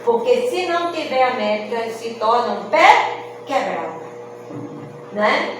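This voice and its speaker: Speaking slowly in a high and very animated voice, a cordel poet and speaker from Rio Grande do Norte, Brazil, lectures at a literary festival. She explains as she goes, dropping in "não é?" to check on listeners. The echoey room, far-off mic, background noise and music behind her all color the sound.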